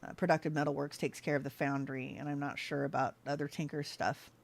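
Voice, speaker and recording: Creaky and low, this woman's voice stays level in tone and moves fairly quickly. She's streaming a game and chatting casually with viewers, easily sidetracked and often laughing.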